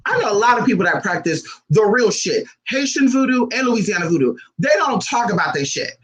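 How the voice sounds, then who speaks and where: A man's voice: sits high, sing-song, brisk, a bit bright, poor audio. A man vlogging a blunt, profane rant as a spiritual practitioner, firing off rhetorical questions. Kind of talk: unscripted ranting monologue.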